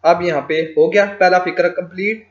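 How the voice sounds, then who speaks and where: A man's voice: high voice, steady tone, moderate pace, slight background noise. A man teaching freelancing in a screen-recorded tutorial, dictating English phrases word by word as he types, with frequent fillers like "ok ji". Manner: frequent fillers "ok ji" and "theek hai". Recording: echoey lo-fi home recording.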